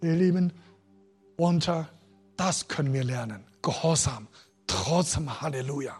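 Husky-voiced man preaching a sermon. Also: a little high, measured pace, faint music behind. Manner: emotional, swings between loud and quiet; makes grammar slips and restarts.

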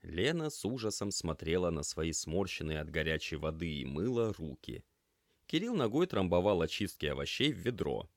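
A man narrates an audiobook in scripted, expressive storytelling, his very low voice lively in its pitch movement. He speaks at a moderate pace, recorded close and dry with no room sound.

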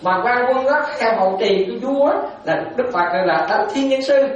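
A woman's voice: on the high side, animated, moderate pace. A woman, a Buddhist monastic teacher giving a dharma talk to lay followers. She questions her listeners often, repeats key phrases and laughs lightly. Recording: very echoey and distant, dull sound.

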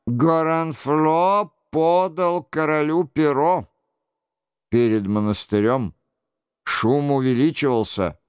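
A man narrating a classic adventure novel in a measured storytelling manner. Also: on the high side, smooth, no echo, studio quality. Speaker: audiobook narrator. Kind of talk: scripted narration.

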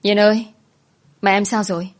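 A woman voicing a young man who calmly reassures his frightened girlfriend. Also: mid-range voice, normal speed, voice pushed up, natural voice. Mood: urgent. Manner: calm, soothing, urgent at times.

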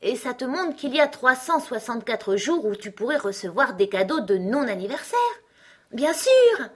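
A woman voicing a pompous, touchy male egg who lectures in a scornful, lofty way, with a husky voice. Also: on the high side, sing-song, moderate pace, voice pushed up. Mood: haughty. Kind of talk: storybook reading.

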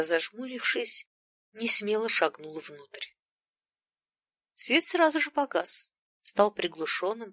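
Woman, audiobook narrator, expressive, lively pitch, dry close-miked sound. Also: dry recording.

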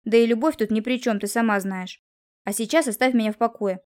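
A woman's voice: fairly high pitch, brisk, lightly acted. Woman reading as a curt, rude male lawyer. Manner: sharp, rude, dismissive. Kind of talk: audiobook character reading.

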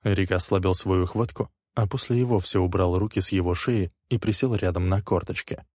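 A man with a fairly low voice narrating a crime audiobook in a steady, even way. The sound is close and dry, with no room around it. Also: normal speed, no room sound.

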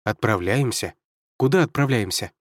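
A man's voice: medium pitch, lively intonation, moderate pace, close to an everyday voice. A man voicing a bewildered, fretful young man in an audiobook, speaking in a plaintive, confused way. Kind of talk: audiobook character voice.

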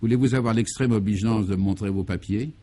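A man's voice: on the low side, fast, dark tone, close to an everyday voice. A man voicing a pompous male secret-service officer who speaks with stiff formal courtesy. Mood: courteous questioning. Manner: formal, courteous, then barking orders.

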